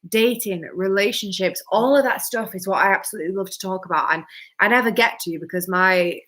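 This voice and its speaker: A woman's voice: medium pitch, fairly quick, fairly bright tone. A young woman, a little tipsy, chatting bluntly and teasingly as co-host. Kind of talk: casual chat.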